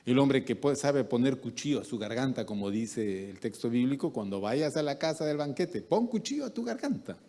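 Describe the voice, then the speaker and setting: A man's voice: moderate pace, hardly any pauses. A middle-aged man, a pastor delivering a sermon who acts out the voices he quotes. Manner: lively, acts out quoted voices with big pitch jumps.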